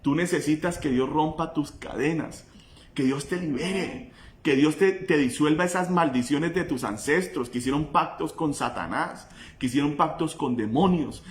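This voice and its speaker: A male pastor, preaching a sermon with impassioned swings between loud cries and low intensity. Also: moderate pace, roomy sound.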